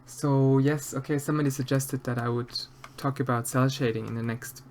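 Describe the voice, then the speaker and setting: This is casual live-stream talk from an Austrian man sculpting as he responds to chat. He has an Austrian German accent and a medium-pitched voice with fairly even intonation at a normal pace. He's soft-spoken and unsure, full of fillers and restarts.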